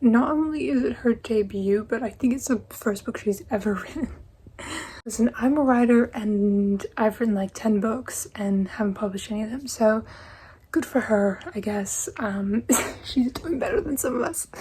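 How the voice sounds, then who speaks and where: Young woman, soft half-whisper. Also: a little high, slight background noise, poor audio. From Australia. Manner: frank, chatty, often half-whispered. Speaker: vlogger. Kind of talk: casual vlog chat.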